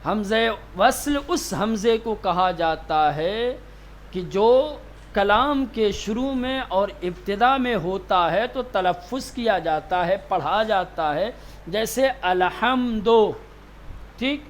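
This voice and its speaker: High-voiced man teaching a lesson. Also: expressive, a little hiss or hum. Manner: repeats terms slowly, asks and answers his own questions. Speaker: religious teacher. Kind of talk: classroom lesson on Quranic reading.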